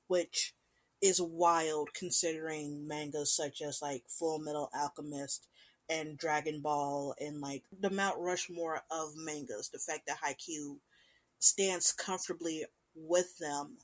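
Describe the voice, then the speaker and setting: A woman hosting her own show, chatting casually and enthusiastically about an anime she loves. Her voice sits a little low for a woman, but she keeps it animated, with big jumps up in pitch and volume for emphasis. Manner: animated, chatty, expressive swings in pitch and loudness. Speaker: podcast host.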